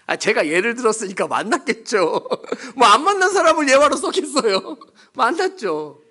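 Casting: male pastor, church sermon, high and bright, animated storytelling with questions to the congregation. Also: unhurried, slightly rough. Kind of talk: sermon at a Wednesday prayer meeting.

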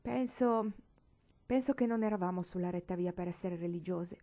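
A woman's voice: fairly low pitch, normal speed, warm tone, close to an everyday voice. A woman reading aloud, voicing an earnest, impulsive young girl. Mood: gentle.

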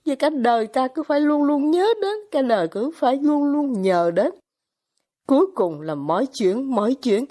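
A fretful middle-aged mother who is forever melodramatic and pours out breathless exclamations in an audiobook scene, as a woman reader puts her on. Her voice rides high and swings widely, with a mellow, dark tone. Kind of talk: audiobook character voice.

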